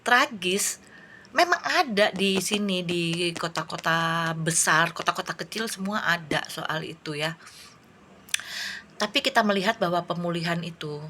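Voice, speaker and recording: A woman's voice: fairly low pitch, unhurried, long pauses, bright, forceful tone, slight background noise. A woman talking casually as a host, reviewing a film with religious reflection, often searching for words and restarting her sentences.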